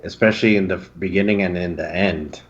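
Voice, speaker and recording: A man co-hosting a casual movie podcast. He answers hesitantly and fills his pauses with "uh". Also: sits low, steady tone, highs cut off. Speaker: podcast co-host. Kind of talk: casual film review chat.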